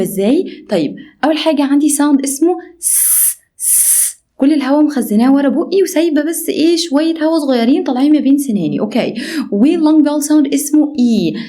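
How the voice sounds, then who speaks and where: A woman with an Egyptian Arabic accent teaching English letter pronunciation, slowly demonstrating each sound and often asking "okay?". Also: high voice, warm tone. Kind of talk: online pronunciation lesson.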